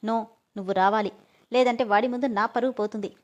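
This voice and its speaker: A man's voice: very high-pitched, fast talker. A woman voicing a stubborn young male boss who speaks firmly and insistently. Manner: firm, insistent. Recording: dull lo-fi audio.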